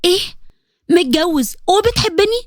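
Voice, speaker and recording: A woman's voice: extremely high pitch, animated, moderate pace, no echo, studio quality, pitched above the performer's own voice. A woman with an Egyptian accent voicing a heartbroken young woman, tearful and pleading. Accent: Egyptian Arabic. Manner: tearful, pleading, rising to outbursts.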